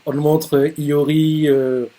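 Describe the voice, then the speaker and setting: Guy doing a live manga reaction, kinda high voice, rambly recap full of fillers, keeps cracking up and squeaking up when he jokes. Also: measured pace. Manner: excitable retelling, laughs often, many fillers; jumps up high when joking.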